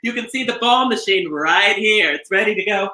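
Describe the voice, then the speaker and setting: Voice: mid-range voice, animated, moderate pace, bright, forceful tone. A performer playing a campy, gushing beauty-queen bingo hostess from Minnesota, with theatrical comic delivery in a bingo caller style. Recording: roomy echo, music behind.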